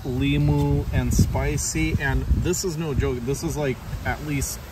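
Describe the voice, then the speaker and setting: A man's voice: on the high side, fairly even intonation, unhurried. A man hosting a food vlog, chatting casually and enthusiastically about the food while he eats it outdoors. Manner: enthusiastic, talks while eating. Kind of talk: casual food review chat. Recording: distant voice, loud outdoor noise.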